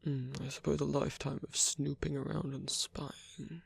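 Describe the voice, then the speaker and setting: Speaking at a medium pitch with a flat delivery, a performer in an intimate ASMR roleplay portrays a proud, flirtatious, pained villain. The voice is breathy and gravelly, soft, halting and hesitant in a murmur, both guarded and tender.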